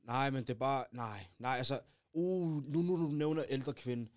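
A young man with a medium-pitched voice, co-hosting a casual podcast. He talks in a laid-back, slangy way and keeps calling the others bro. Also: darkish tone.

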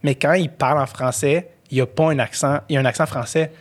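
A man's voice: fairly high pitch, steady tone, fast talker. A man with a Québécois French accent in casual podcast chat, rambling with many fillers and restarts.

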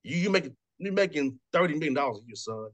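A man in his thirties, a sports radio host, talking fast and casually, repeating words and laughing often. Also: on the high side, expressive. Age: 30s. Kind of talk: casual sports talk interview.

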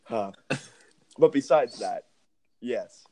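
A man's voice: fairly low pitch, normal speed, darkish tone, no room sound. Chatty man co-hosting a sports podcast. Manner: chatty, laughs often, goes off on tangents. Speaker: podcast co-host. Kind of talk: casual sports podcast chat. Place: lives in Hoboken, New Jersey.

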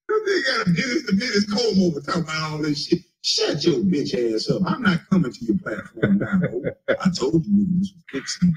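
A man's voice: on the high side, gravelly, low-quality recording. A man in his forties in a profane, mocking, taunting rant. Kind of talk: heated rant.

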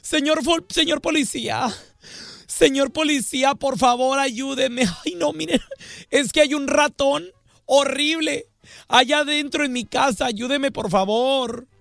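A man's voice: a little slow, gravelly, a bit bright, no room sound, studio quality, full character voice. A man voicing a panicked young man who shrieks and pleads for help. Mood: panicked pleading. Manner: shrill, pleading.

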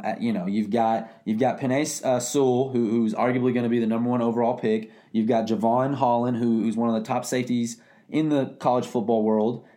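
A man's voice: mid-range voice, mellow. A man co-hosting a casual sports talk show, an enthusiastic fan making confident predictions, often repeating words. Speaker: sports podcast co-host.

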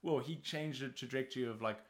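A man's voice: mid-range voice, brisk. A man co-hosting a podcast, talking frankly and at length with casual swearing. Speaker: podcast co-host.

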